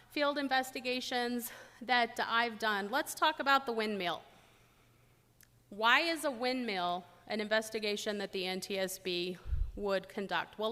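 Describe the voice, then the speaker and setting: A middle-aged woman, an air safety investigator, giving a blunt, joking conference talk with animated storytelling. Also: on the high side, in a large hall. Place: large conference hall.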